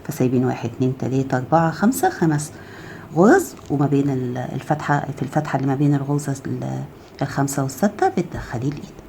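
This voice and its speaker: A woman's voice: a bass voice, expressive, rapid-fire, creaky, a little hiss or hum. A woman with an Egyptian Arabic accent gives a step-by-step crochet tutorial, counting stitches aloud and often checking "okay?". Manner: drops to a soft murmur while handling the work. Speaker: crochet teacher.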